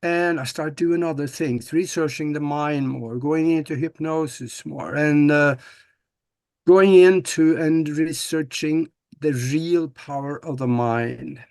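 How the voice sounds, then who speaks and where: A man's voice: on the high side, slow pace, darkish tone, clear, resonant tone, no echo. An older man from Norway, a guest in a casual interview, talking in a folksy, upbeat way with many restarts and "uh"s.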